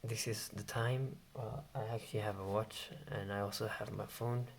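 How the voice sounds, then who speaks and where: Hushed, creaky-voiced late-night vlogger. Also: medium pitch, fairly even intonation, moderate pace. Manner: speaking very quietly, hushed as if at night while others sleep. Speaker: vlogger reviewing gadgets. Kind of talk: casual hushed vlog chat. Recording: noisy home recording with clicks.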